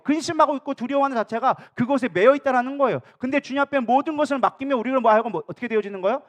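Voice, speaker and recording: A male pastor preaching a sermon in a church, often asking the congregation questions and answering them himself. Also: very high voice. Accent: Korean, Daejeon area. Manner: acts out quoted speakers in a changed voice. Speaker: co-senior pastor. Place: church sanctuary.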